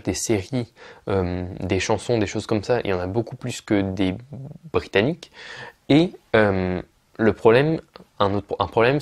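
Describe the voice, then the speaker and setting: Man, French accent, lowish voice, casual video lesson, hesitant, restarts often. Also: darkish tone. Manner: hesitant, many fillers and restarts. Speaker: English teacher.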